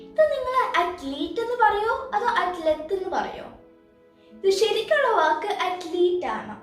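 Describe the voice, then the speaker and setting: High-voiced woman in an echoey room. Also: big pitch swings, moderate pace. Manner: quizzes viewers, then gives the answer. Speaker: channel host. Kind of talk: bilingual pronunciation tutorial. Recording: very echoey room, far from mic, faint music.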